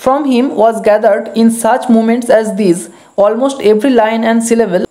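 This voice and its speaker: Mellow woman teacher explaining line by line. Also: a little high, fairly even intonation. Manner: reads English lines slowly, then glosses them quickly in Bengali; patient, explanatory. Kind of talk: line-by-line text explanation lesson.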